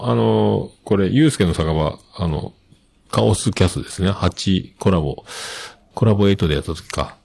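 A man's voice: deep voice, gravelly, no echo. A middle-aged man hosting a podcast, chatting casually and rambling with many fillers as he reads listener mail. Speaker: podcast host.

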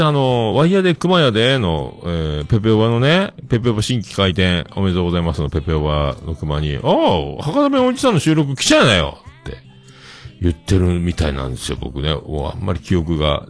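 A man in his forties hosting a casual solo podcast, rambling and self-deprecating, with many drawn-out fillers. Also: low voice, big pitch swings. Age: 40s. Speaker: podcast host.

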